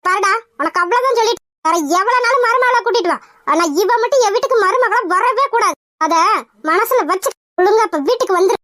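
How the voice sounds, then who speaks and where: A woman doing a shrill scornful older mother. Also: brisk, no room sound, studio quality. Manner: harsh, contemptuous, shouting. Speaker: hero's mother. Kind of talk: cartoon voice acting.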